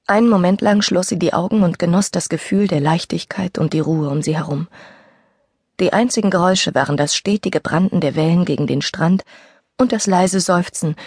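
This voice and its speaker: A woman narrating a young-adult novel as an audiobook reader, with a breathy voice, recorded in a studio. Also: fairly low pitch, darkish tone, dry recording. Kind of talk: scripted narration.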